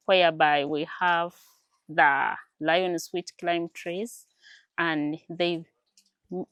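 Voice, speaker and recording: A woman's voice: on the low side, dry recording. A woman with a Ugandan accent giving an informative interview as a tourism warden, promoting a place to visitors.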